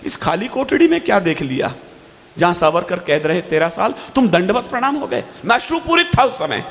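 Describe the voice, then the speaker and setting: Fiery high-voiced man reciting poetry. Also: very animated, fairly bright tone. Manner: fiery, declaiming, stretches verse lines slowly. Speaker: poet on stage. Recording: long hall reverb.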